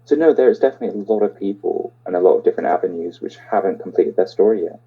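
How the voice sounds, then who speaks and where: A man's voice: low-pitched, rapid-fire, slightly rough, phone-quality sound. A young man hosting a casual podcast chat, hesitant and full of ums. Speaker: podcast host.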